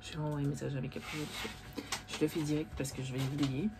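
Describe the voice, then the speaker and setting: A woman's voice: low voice, little pitch movement, fast talker. A young woman talking casually to her viewers about makeup, rambling and cursing freely when annoyed. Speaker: beauty vlogger. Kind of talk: casual chat to camera.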